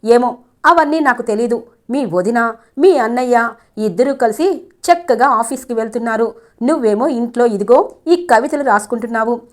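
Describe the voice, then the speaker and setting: A woman voicing a sharp-tongued, scheming young wife who taunts and coaxes her husband. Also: a little high, close to an everyday voice. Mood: taunting. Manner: taunting, then coaxing.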